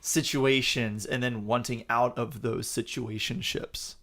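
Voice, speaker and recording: A man's voice: mid-range voice, steady tone, unhurried, fairly bright tone. A man co-hosting a casual sports podcast, dropping wry joking asides. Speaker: podcast co-host.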